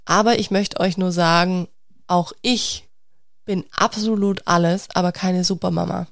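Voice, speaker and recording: A woman's voice: on the low side, steady tone, measured pace, gravelly, dry recording. Young woman, mother, candid vlog confession; dry close sound, open and searching delivery. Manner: open, searching, talks through restarts. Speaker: mother of two speaking to followers.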